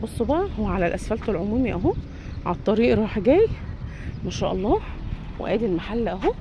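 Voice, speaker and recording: A woman's voice: medium pitch, big pitch swings, very fast, muffled recording, noisy background. A woman with an Egyptian Arabic accent casually touring viewers around a poultry yard and shop, talking straight to them as she walks. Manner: chatty, addresses viewers directly while touring. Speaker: vlogger giving a tour. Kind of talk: casual walk-through vlog.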